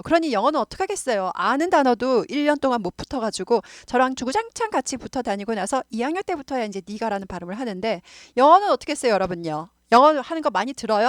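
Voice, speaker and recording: Her pitch sits a little high, and the sound is clean studio audio without any room tone. This middle-aged woman teaches English grammar in a Seoul Korean accent, chatting casually, going over points again and slipping into tangents.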